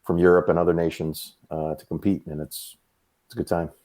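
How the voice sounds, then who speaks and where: A man's voice: low-pitched, brisk. A man in his fifties from Massachusetts, a podcast guest chatting casually about fitness, telling stories with lots of fillers. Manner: relaxed storyteller with frequent fillers. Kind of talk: casual chat.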